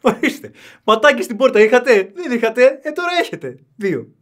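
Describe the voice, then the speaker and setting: A man giving sarcastic, animated running commentary while reviewing a horror film. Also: very high-pitched, a little hiss or hum. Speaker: movie reviewer. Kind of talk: casual comedic film commentary.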